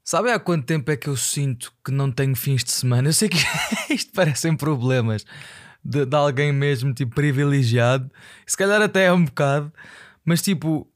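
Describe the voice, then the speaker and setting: A man's voice: a little high, moderate pace. A young man with a European Portuguese accent, chatting casually on a solo podcast in a rambling, slangy, confessional way with bits of English mixed in. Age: young adult. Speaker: podcast host and musician.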